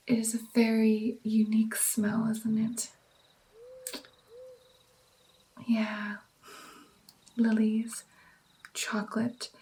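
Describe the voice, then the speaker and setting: A woman playing a gentle vampire mentor in an ASMR roleplay, soft, breathy and mostly whispered, coaxing and encouraging her pupil with pauses. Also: on the high side, low-quality recording. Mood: softly instructive. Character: gentle female vampire patiently training her new darkling. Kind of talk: ASMR personal attention roleplay.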